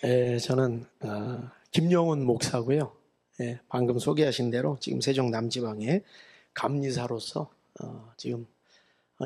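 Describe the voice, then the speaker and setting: A man's voice: medium pitch, vocal fry, a little mellow, breathy edge. A middle-aged man with a Chungcheong accent, a guest pastor preaching a revival sermon in a folksy, chatty way, joking with the congregation. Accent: Chungcheong Korean. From Chungcheong, Korea. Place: church sanctuary.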